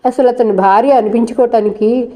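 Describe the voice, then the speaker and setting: A woman's voice: a little high, steady tone, brisk, mellow, lightly acted. A woman voicing a stern elderly grandmother who speaks in a scolding, commanding way. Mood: furious. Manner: authoritative, scolding.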